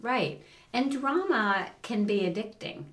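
On a casual podcast, a middle-aged co-host with a high-leaning voice talks at a slow pace, her sound roomy. She's an animated storyteller who performs the voices of characters in her anecdotes.

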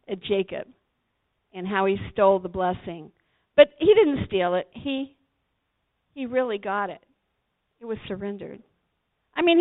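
A woman preaching a sermon, retelling a Bible story in an animated way, acting out quotes and talking directly to her listeners. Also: mid-range voice. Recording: tinny phone-like audio.

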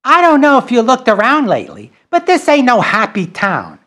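A woman's voice: on the high side, wildly swooping pitch, normal speed, a bit bright. A woman voicing a blunt, combative, anxious single mother, in a comedic audio drama. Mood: angry. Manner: blunt, confrontational. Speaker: actor.

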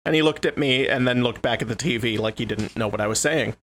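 A man's voice: medium pitch, fast talker, a bit bright, a little hiss or hum. A man in casual chat, giving blunt, mocking commentary on a film. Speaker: podcast co-host.

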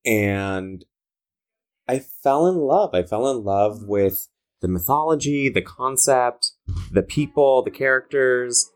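A man's voice: medium pitch, animated, takes it slowly. A man with a Southern Californian accent chatting casually as an interviewed writer, talking like a valley girl with "like" sprinkled through. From Southern California, United States. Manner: valley girl talk, peppered with "like". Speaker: interviewed comic book writer.

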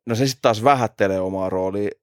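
A man, a fighter, co-hosting a casual podcast, opinionated and relaxed, dropping in English phrases. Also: lowish voice, clear, resonant tone, no room sound, clean studio sound. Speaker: podcast co-host and MMA fighter.

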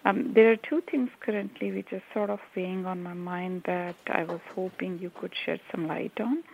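A woman's voice: fairly low pitch, steady tone, normal speed, creaky, darkish tone, a little hiss or hum. A middle-aged woman caller asking a question, polite and hesitant with fillers. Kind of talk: recorded call-in question. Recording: dull lo-fi recording.

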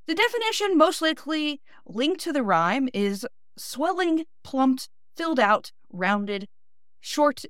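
A woman's voice: fairly high pitch, a bit bright, dry recording, clean studio sound. A woman podcast host with a Northeast Ohio accent, reading scripted history narration with small self-deprecating asides. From Midwestern United States.

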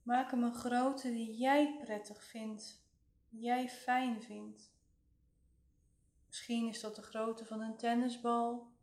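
A woman leading a guided relaxation meditation in a soothing, gentle way, leaving long pauses. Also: on the high side, flat delivery. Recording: roomy, echoing voice recording.

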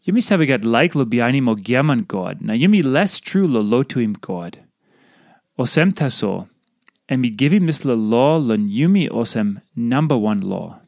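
A man's voice: medium pitch, sing-song, normal speed, vocal fry, darkish tone, no echo, studio quality. A man with a Papua New Guinean accent reading a scripted devotional. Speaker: devotional reader.

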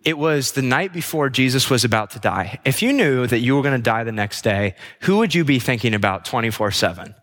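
A man's voice: lively intonation, brisk, hardly any pauses, a bit bright. A man preaching a sermon, emphatic and repetitive, asking rhetorical questions and letting his voice sink and fall away at the ends of lists. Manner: drops pitch and trails off at the ends of lists. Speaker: pastor.

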